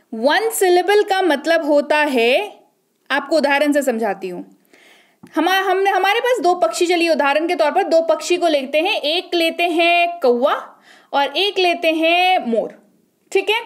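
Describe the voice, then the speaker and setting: A woman, an English teacher giving an online spelling lesson, coaxing and asking the viewer questions, repeating words slowly. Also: high voice.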